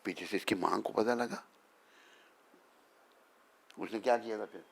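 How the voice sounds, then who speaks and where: Gravelly-voiced swami teasing his listeners. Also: lowish voice, unhurried. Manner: teasing, chatty, keeps asking the listeners if he is right. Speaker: swami giving a morning talk. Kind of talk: informal spiritual talk with devotees.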